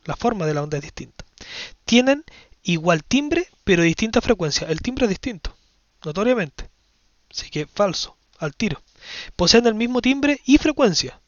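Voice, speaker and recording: High-voiced man teaching physics. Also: very animated, moderate pace, dry recording, lo-fi sound. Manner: explanatory, checks in with frequent "¿ya?". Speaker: science teacher. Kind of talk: physics lesson explaining exam questions.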